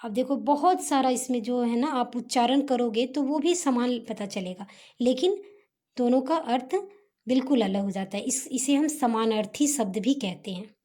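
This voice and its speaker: A woman teacher with a fairly high, mellow voice talks students through their homework answers. She explains patiently and unhurriedly, often mixing English words into her sentences. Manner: patient, explains slowly with Hindi-English mix.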